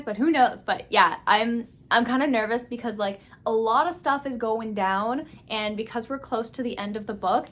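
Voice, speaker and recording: A young woman giving an excited, gushing book review vlog, full of fillers and laughter. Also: fairly high pitch.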